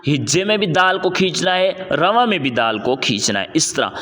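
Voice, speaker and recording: A man with a fairly high voice teaches a reading lesson, drawing out each syllable slowly and patiently. His voice rings out with a long, lingering reverb, as if he is in a large hall. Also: big pitch swings, a bit bright. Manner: patient, drawn-out syllable drills. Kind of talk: recorded recitation lesson.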